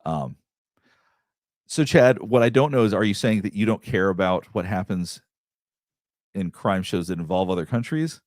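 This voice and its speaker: A middle-aged therapist from the Southeastern US talks casually on a livestream, rambling through viewer questions with lots of fillers and restarts. His low-pitched, darkish voice holds a moderate pace and pauses often. The recording is dry and clean, studio-grade.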